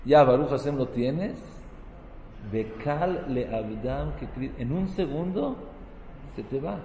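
A man's voice: mid-range voice, expressive, slow, mellow, echoey room, long reverb tail, slight background noise, low-quality recording. A man giving a sermon as a rabbi, mixing Hebrew terms into his talk and building to emphatic, rising peaks.

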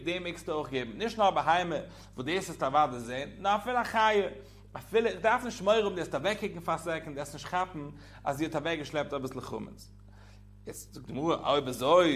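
High-voiced man teaching religious law. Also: a bit bright.

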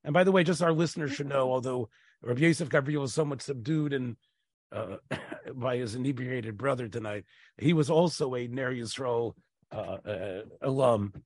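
A man's voice: mid-range voice, moderate pace, darkish tone, no echo. A man hosting a podcast, asking questions and telling stories casually, mixing in yeshiva Hebrew and Yiddish words. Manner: inquisitive, sprinkles in yeshiva Hebrew and Yiddish terms. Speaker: podcast host.

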